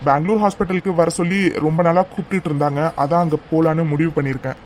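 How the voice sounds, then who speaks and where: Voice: medium pitch, fairly even intonation, quick pace, darkish tone, a little hiss or hum, close to an everyday voice. A voice actor playing a stubborn grown son, a doctor, who is firm in his decision but pleads with his family. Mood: insistent. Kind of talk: cartoon voice acting.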